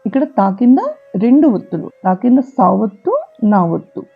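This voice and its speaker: A woman teaching scripture recitation, chanting each verse slowly and then explaining how to pronounce it. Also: medium pitch, animated, creaky, slightly rough. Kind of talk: slow chanting lesson with explanations. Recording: tinny lo-fi recording with faint music.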